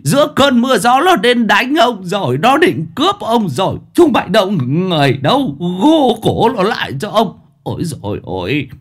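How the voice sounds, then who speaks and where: A man's voice: sits low, very animated, unhurried, long pauses, breathy edge, full character voice. A man voicing a fat, lazy, greedy village chief who grumbles and curses coarsely. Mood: panicked yelling.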